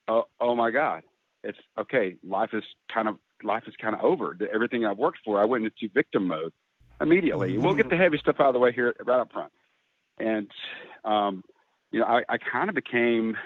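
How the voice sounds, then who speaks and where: A man's voice: mid-range voice, dry recording. A man speaking as a guest musician in a casual podcast interview, talking earnestly and emotionally, often laughing and restarting his sentences. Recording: tinny phone-like line, dry.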